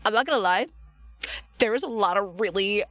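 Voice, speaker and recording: A woman streamer talks casually to her chat in a medium-pitched voice that is a little strained. She addresses viewers affectionately and effusively, and the sound is dry, with little room in it. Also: a little fast, a bit bright, no echo. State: slightly strained, recovering voice. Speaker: livestreamer.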